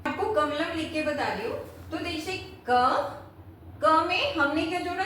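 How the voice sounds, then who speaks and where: A woman teaching a beginners' lesson, patiently explaining step by step and checking in with the learners. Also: high voice. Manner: patient, repeats "ठीक है" and checks with questions. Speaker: Sanskrit teacher. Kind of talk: explaining at a whiteboard. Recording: very echoey room, mic far off, faint noise.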